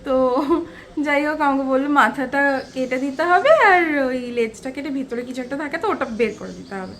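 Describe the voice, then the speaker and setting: A high-voiced woman from West Bengal, India, vlogs casually from her small one-room home, chatting and telling stories to her viewers. She speaks fairly quickly with a fairly bright tone, recorded on a handheld camera at arm's length with faint background noise.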